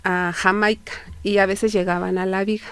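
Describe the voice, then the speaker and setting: A woman's voice: medium pitch, level tone, moderate pace, clear, resonant tone. A Mexican woman with a Mexican Spanish accent, a historian guest on a radio interview, explaining at length with frequent fillers and restarts. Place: radio studio. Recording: dry radio studio.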